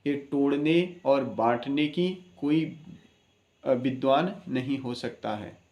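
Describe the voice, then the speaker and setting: A man's voice: mid-range voice, lively intonation, slow, darkish tone. Man, astrologer, impassioned address, earnest preaching manner, rhetorical questions, echoey room.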